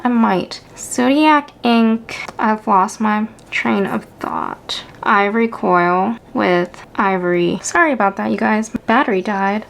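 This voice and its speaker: A woman's voice: mid-range voice, vocal fry, a bit bright, a little hiss or hum. A young woman vlogging casually to camera as she tests stationery inks at a home desk, chatty and talking to herself, with wry asides. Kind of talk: casual ink-swatching chat to camera.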